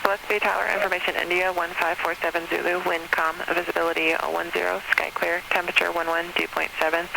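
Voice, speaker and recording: A man reading a recorded airport weather broadcast in a steady, clipped readout of figures, heard over an aircraft radio. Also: high-pitched, quick pace, gravelly, hardly any pauses. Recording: hissy aircraft radio reception.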